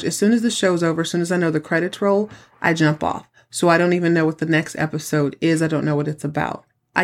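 A woman hosting a casual TV recap podcast, chatty and campy, with theatrical, dramatic emphasis. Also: lowish voice. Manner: theatrical, campy show-host delivery. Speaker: podcast host.

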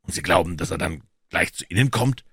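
A man voicing a calm, quiet male investigator in a storybook reading, with low, measured questions. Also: breathy edge, dry recording, studio quality, full character voice.

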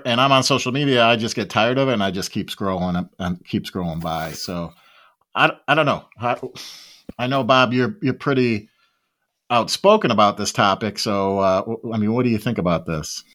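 A middle-aged man with a fairly low voice hosts a casual podcast. He talks in a loose, conversational way and likes to tease. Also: moderate pace, a bit bright. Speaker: podcast host.

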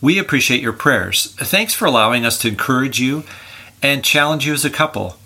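Older man, podcast co-host, bright tone, earnest, encouraging. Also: mid-range voice, animated, a little fast.

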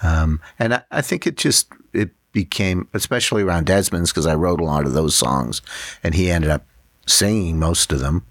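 Very deep-voiced man, thoughtful and hesitant. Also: animated, moderate pace, dry recording. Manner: thoughtful, hesitant, many fillers. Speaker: songwriter and musician, interview guest. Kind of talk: casual interview chat. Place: studio.

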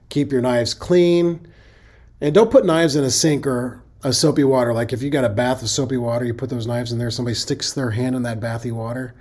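A man's voice: medium pitch, darkish tone. Folksy Midwestern man hosting a podcast. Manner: conversational, folksy, self-correcting. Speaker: safety podcast host. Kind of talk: podcast monologue.

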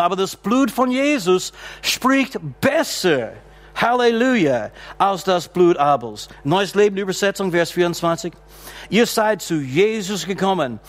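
A man preaching a sermon as pastor at a church service. He preaches slowly and deliberately, repeats his key phrases and calls out hallelujah and amen. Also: high-pitched. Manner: slow, deliberate preaching with drawn-out lines.

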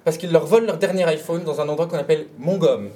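A man's voice: on the high side, fast, background noise, voice pushed up, close to an everyday voice. A man voicing a naive, boastful little boy who narrates his childhood in blunt, hesitant asides. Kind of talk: stage storytelling.

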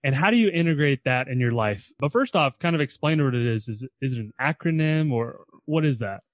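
A man's voice: medium pitch, animated, a little fast, no echo, dull audio. Male podcast host, chatty and upbeat, mid-range voice, dry close sound. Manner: upbeat, conversational, with casual fillers. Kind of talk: podcast interview.

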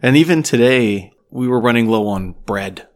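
A man's voice: medium pitch, expressive, moderate pace. A man co-hosting a podcast, chatting casually and joking as he tells stories over a beer in a cottage room with some echo. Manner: joking, talkative storyteller. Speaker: podcast co-host. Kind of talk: casual chat over beers.

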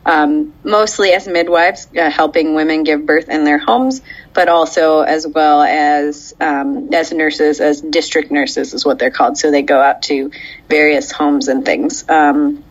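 A woman's voice: sits low, fairly even intonation, measured pace. A woman co-hosting a podcast, explaining a show at length with many ums and frequent laughs. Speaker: podcast co-host. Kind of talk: casual chat, recapping a show. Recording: dull lo-fi audio.

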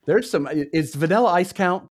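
A middle-aged man co-hosting a podcast in casual chat, with relaxed, easygoing banter. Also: high voice, normal speed, no room sound, studio quality. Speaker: podcast co-host.

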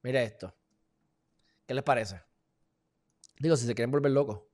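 A man with a Puerto Rican accent giving emphatic, heated commentary in a casual live video, talking straight to his viewers with sudden loud bursts. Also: medium pitch, normal speed. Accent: Puerto Rican Spanish. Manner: informal, addresses viewers as "mi gente". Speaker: live-stream political commentator.

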